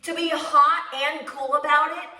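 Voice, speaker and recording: A woman with a bright, forceful voice, set a little above most women's, telling a story in a quick, profane, self-mocking ramble. She sits a bit back from the mic in an echoey room. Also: high-pitched, steady tone, distant mic. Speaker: podcast host. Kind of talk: casual storytelling monologue.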